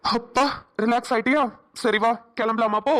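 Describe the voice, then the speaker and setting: A woman's voice: fairly high pitch, steady tone, normal speed, a bit bright, lightly acted. A woman voicing a caring young man in a cartoon drama, speaking in a soothing, coaxing, earnest way. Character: caring young man Karthik, gentle supportive friend.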